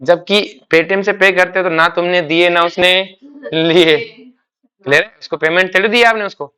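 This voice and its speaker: High-pitched, bright-voiced male chemistry teacher. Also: steady tone, clean tone. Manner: asks quick check questions and repeats key words; calls students "beta", uses homely examples. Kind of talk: classroom lecture.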